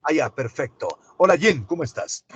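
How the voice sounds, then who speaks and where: A man teaching an online class, asking students drawn-out questions. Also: on the high side, animated, breathy edge.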